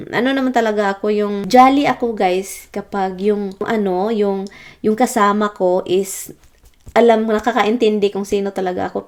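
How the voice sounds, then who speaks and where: A woman's voice: mid-range voice, a little mellow. A young woman from the Philippines with a Visayan accent, vlogging casually as she reads viewer comments, chatty, laughing often and mixing languages.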